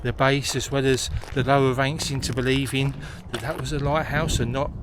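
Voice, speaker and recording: A man's voice: medium pitch, little pitch movement, normal speed. A man hosting a vlog and explaining things as he goes, recorded outdoors in a forest. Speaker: host. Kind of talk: explanatory vlog narration on location. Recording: noisy outdoor location sound.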